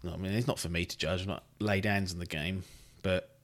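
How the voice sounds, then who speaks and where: A man's voice: low-pitched, fairly even intonation, a little fast. A man hosting a podcast in casual chat, rambling and chatty and swearing freely. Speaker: podcast host.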